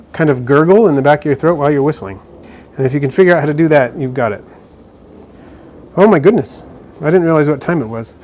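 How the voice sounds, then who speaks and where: Sitting indoors next to his frog terrarium, this man fields live-stream viewer questions in a relaxed, talkative way, often using fillers and starting over. His voice is slightly high with a darkish tone, and there's a little background noise.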